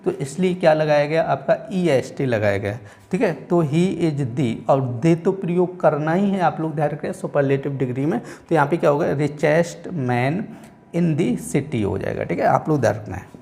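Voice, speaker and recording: A man teaching English grammar in a Hindi-language class, with an Indian accent, who keeps repeating "theek hai" and slows down to read example sentences word by word. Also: on the high side, animated, creaky, a little mellow. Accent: Indian English, Hindi-speaking. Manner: repeats "theek hai" and "aap log dhyan rakhen" often.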